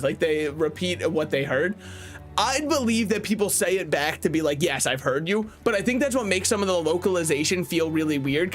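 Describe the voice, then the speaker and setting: A man's voice: on the high side, a bit bright. A man giving casual, opinionated live-stream commentary on games, conversational and joking. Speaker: game streamer.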